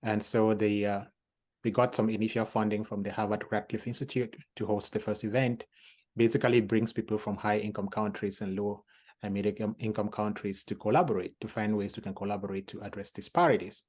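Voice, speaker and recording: Low-voiced man explaining at length. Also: fairly even intonation, darkish tone. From Cameroon. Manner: measured, explanatory, many fillers. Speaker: founding director of a health program. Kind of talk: panel conversation.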